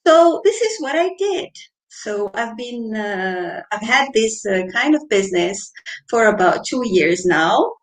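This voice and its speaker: A woman from Morocco in her forties answering interview questions in a friendly, lively way, pausing often with fillers. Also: fairly high pitch, poor audio. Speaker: interview guest.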